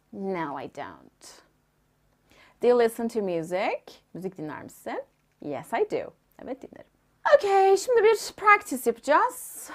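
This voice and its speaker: Young woman teacher, high voice with very lively swoops in pitch, slow and clear on the example sentences. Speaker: English teacher. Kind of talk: language lesson.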